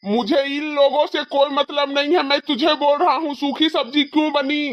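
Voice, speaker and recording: A woman's voice: sits high, steady tone, moderate pace, muffled recording, pitched below the performer's own voice, lightly acted. A woman voicing a grumpy old father-in-law in a cartoon story who grumbles about food. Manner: grumbling, complaining.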